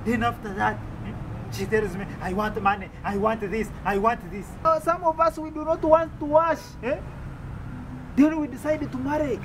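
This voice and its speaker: A man's voice: extremely high pitch, fairly even intonation, normal speed. A man playing a stubborn, grumbling husband in a comedy skit, with a Ugandan accent, full of incredulous questions and exclamatory grunts. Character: stubborn, ignorant, grumbling husband of pregnant wife. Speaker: comedy actor. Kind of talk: improvised African comedy skit. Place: outdoors in a house garden. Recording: noisy outdoor sound, vehicle hum.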